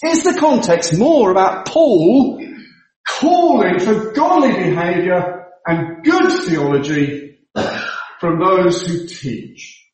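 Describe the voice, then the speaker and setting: A man preaches a sermon in a church, laying out his explanations emphatically and circling back to repeat the points he cares about. His voice sits high and moves a great deal in pitch. The sound is very reverberant, like a large hall. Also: animated, slow, a little mellow. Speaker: pastor.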